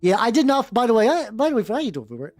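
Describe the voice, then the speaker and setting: Fast and high-pitched with big swings in pitch, this vtuber host has a darkish tone. Her livestream blends casual chat with fan fiction read aloud, full of stammers, repeated words and interruptions to comment, all set to background music.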